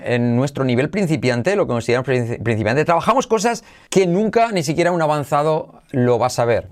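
Energetic man drilling English phrases. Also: mid-range voice. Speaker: English teacher, channel host. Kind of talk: podcast lesson in Spanish.

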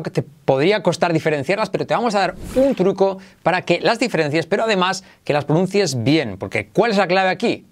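A man teaching English pronunciation in a video lesson, repeating words slowly for practice. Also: on the high side.

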